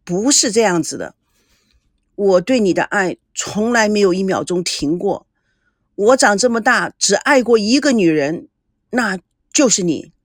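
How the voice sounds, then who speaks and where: A woman's voice: medium pitch, lively intonation, measured pace, dry recording, studio quality. A woman voicing a young man who talks hesitantly and defensively. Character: young man, awkward and guilty.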